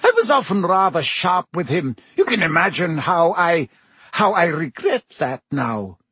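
A man's voice: high voice, sing-song, unhurried, sharp tone, slightly rough, dry recording, pitched above the performer's own voice, heavily acted. Man doing McGonagall, a stern old professor. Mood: rueful. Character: stern elderly female professor, brisk.

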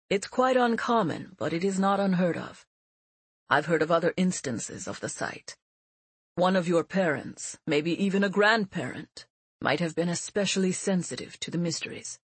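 A woman reading as an older man who leads a manor, calm, gentle and reassuring. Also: on the low side, husky, dry recording. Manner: measured and reassuring. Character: elderly male leader, calm, gentle, wise.

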